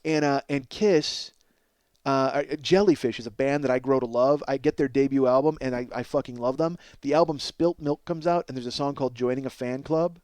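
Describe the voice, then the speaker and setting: A medium-pitched, middle-aged man talks fairly quickly while hosting a comedy podcast, going off on a rambling, excitable, profane tangent, mocking himself and stammering over repeated words. The studio sound is clean, with no room sound.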